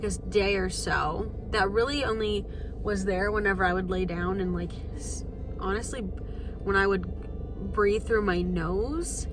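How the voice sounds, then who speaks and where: A young adult woman talking casually to her vlog, sounding congested and slightly wheezy, haltingly repeating phrases as she gathers her thoughts. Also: mid-range voice, rough recording. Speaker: vlogger. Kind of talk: personal vlog, casual confessional chat.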